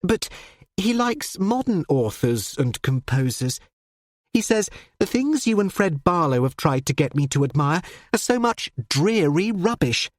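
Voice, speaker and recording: Voiced by a reader, a young woman comes across as breathless and impulsive, driving each line with urgent emphasis. She pitches well above the narration, swinging widely and moving a little slowly. The recording is close and dry, with no echo.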